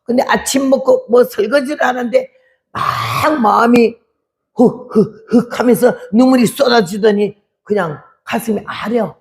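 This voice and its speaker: Woman in her eighties, missionary preacher, testimony sermon, gravelly voice, animated storytelling. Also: fairly high pitch, unhurried. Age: 80s. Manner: lively storytelling, acting out family members' quoted speech.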